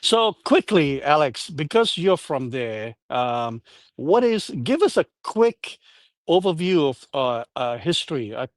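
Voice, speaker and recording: A man's voice: a little high, very animated, a little slow, dry recording. A man hosting a casual interview, asking rambling questions full of fillers and restarts. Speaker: podcast host.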